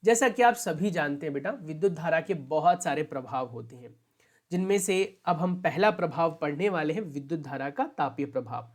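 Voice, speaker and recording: A woman's voice: sits low, lively intonation, normal speed, darkish tone. A woman teacher explaining a school science lesson, calling her students "beta" and repeating each question and answer.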